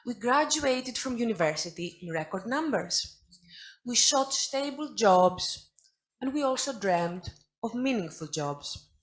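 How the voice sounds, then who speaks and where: A young woman giving a prepared speech as a conference panelist over a video call, brisk with wry asides. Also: a little high, animated, rough recording. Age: young adult.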